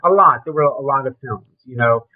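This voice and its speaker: A man's voice: medium pitch, a little fast. An older man with a Brooklyn accent, reminiscing about his career in an emphatic, blunt, conversational way. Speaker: interview guest, film trailer and design veteran. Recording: thin, phone-like call audio.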